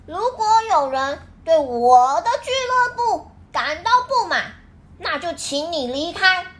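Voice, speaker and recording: A woman's voice: very high voice, sing-song, slow pace, a bit bright, pitched above the performer's own voice, full character voice. A woman voicing a bossy, easily angered female storybook character while reading to a toddler, sounding indignant and demanding. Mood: angry, bossy.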